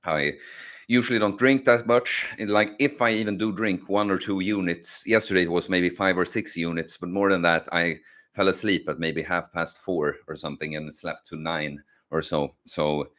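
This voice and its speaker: A man with a low-pitched voice chats casually on a livestream. He sounds hungover, tired and short of energy, rambling along in a halting, sleepy way. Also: fairly even intonation, fairly bright tone. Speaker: livestream host.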